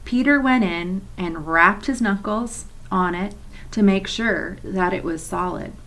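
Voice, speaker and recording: A woman's voice: medium pitch, unhurried, a bit bright, rough recording. Woman reading a children's chapter book aloud, friendly asides, recorded in a church office. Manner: chatty asides to young listeners.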